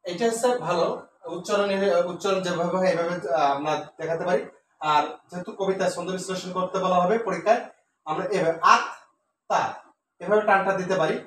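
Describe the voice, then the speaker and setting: A man teaches a class, repeating each word slowly and filling pauses with soft hesitations. His voice sits high and carries some distance from the mic. The room is echoey, with a faint hiss underneath. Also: steady tone. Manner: explains step by step, repeats words slowly with many "uh" fillers. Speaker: Bengali teacher. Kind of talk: classroom lesson on pronunciation.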